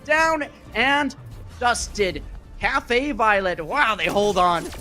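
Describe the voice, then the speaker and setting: Over soft background music, an esports commentator with a mid-range voice draws out words while calling live play-by-play. His chatty delivery gets animated as the action heats up.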